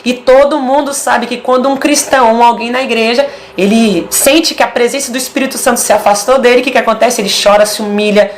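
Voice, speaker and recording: A woman's voice: fairly high pitch, steady tone, brisk, slight background noise. A woman with a Brazilian Portuguese accent giving a casual video sermon, emphatic and stacking short repeated phrases.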